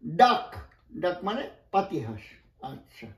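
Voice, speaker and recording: A man from West Bengal teaches English pronunciation in a spoken classroom lesson, his high voice sing-song, measured and a bit bright, with a roomy sound. He patiently goes word by word, often adding asides.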